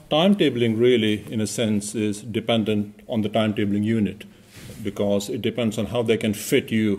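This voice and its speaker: A man from Uganda, a senior lecturer, speaking on a panel in a measured, matter-of-fact way. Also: fairly low pitch, dark tone. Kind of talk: panel discussion answers.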